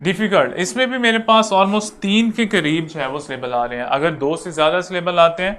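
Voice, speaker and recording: A man teaching an online lecture, going over each rule slowly and repeating it step by step. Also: sits high, fairly bright tone. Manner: repetitive, explains slowly step by step.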